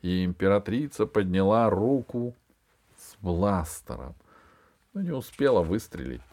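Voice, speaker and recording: Give me a man narrating a storybook dramatically, with a lowish voice. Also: big pitch swings, a little slow, a little mellow. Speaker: audiobook reader. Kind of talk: scripted narration.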